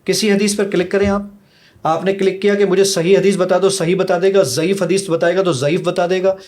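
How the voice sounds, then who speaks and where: A man's voice: sits high, fairly even intonation, darkish tone. A man who made an app, demonstrating it eagerly as a podcast guest and mixing English phrases into his speech. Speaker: app creator giving a demo.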